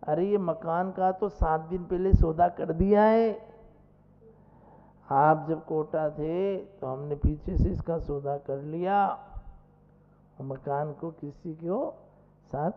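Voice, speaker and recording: A preacher voicing a calm reassuring son. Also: male voice, a little high. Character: calm grown son reassuring his father. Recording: echoey hall, dull lo-fi sound.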